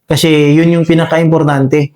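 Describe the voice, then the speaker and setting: In an interview, a soldier tells a war story about a firefight, his delivery halting and deferential. He fills nearly every phrase with fillers and a constant respectful "sir," his slightly high voice staying fairly flat and even throughout.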